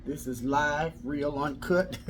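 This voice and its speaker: A woman's voice: low-pitched, slow, background noise. A woman life coach giving a casual motivational livestream talk in a folksy, preacherly manner, repeating phrases for emphasis.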